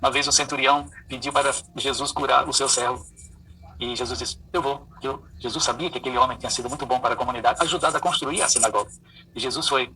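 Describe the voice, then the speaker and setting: A man, a pastor and psychologist, preaching with animated storytelling and acting out voices. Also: medium pitch, fast talker, distant mic, rough recording. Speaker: pastor and psychologist giving a talk. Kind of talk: sermon with acted-out stories.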